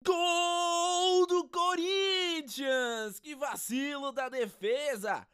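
A performer playing an excitable football radio commentator in explosive goal commentary, with drawn-out shouts. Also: medium pitch. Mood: explosive excitement.

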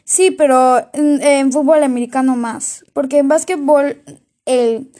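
A woman's voice: high voice, fairly even intonation, a little slow, mellow. A woman in casual chat who tells stories in a chatty way and often restarts her sentences. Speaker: co-host.

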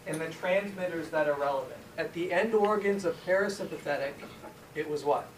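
A man's voice: on the high side, fairly quick, recorded from a distance. A man teaching a pharmacology class, asking the students questions and then answering them himself. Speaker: pharmacology lecturer. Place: lecture room. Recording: echoey room, voice from afar, faint hiss.

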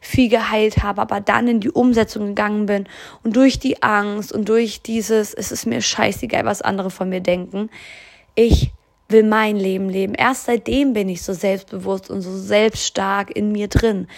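A woman's voice: mid-range voice, steady tone, moderate pace, creaky. A woman hosting a motivational podcast, earnestly encouraging the listener and speaking to them directly. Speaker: podcast host and coach.

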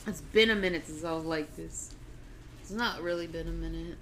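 A young woman vlogging in casual chat, high and giggly, rambling and swearing. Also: fairly quick, fairly bright tone, slight background noise.

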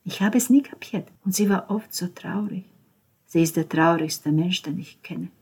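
A woman voicing a brash, pushy young man who talks loudly and mockingly. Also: on the low side, normal speed, breathy edge. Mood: earnest. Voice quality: loud, taunting, slangy.

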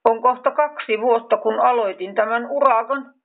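A woman's voice: a little high, natural voice. A woman voicing a weary male creature who rolls a dung ball and sighs about his endless work. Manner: sighing, tired, doubting. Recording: tinny phone-like sound.

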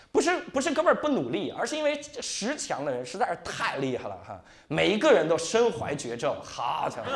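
Young guy doing stand-up, high voice that swings all over, chatty stage storytelling. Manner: animated storytelling with frequent tag 哈 and 是吧. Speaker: stand-up comedian. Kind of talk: stand-up comedy set. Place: comedy stage before a live audience.

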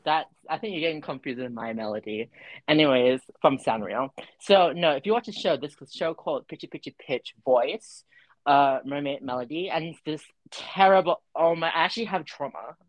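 A woman's voice: low voice, normal speed, dry recording, rough recording. A woman co-hosting a chaotic casual chat, giggling, rambling and teasing her friend with the odd swear. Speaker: co-host.

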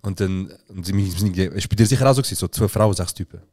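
A man's voice: low voice, darkish tone, no room sound, studio quality. A man with a Swiss German accent, co-hosting a podcast and telling stories in casual, slangy chat. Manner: storytelling, slangy, quick. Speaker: podcast co-host. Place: podcast studio.

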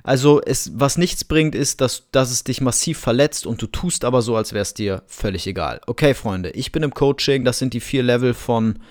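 Man, relationship coach, podcast monologue, calm and direct, acts out sample dialogue, mid pitch. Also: moderate pace, hardly any pauses. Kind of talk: podcast monologue giving advice.

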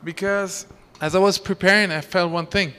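High-voiced male preacher in a reverberant church. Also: steady tone, pushed and bright, clear, resonant tone. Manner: short phrases with pauses, rhetorical questions. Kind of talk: sermon with consecutive interpretation.

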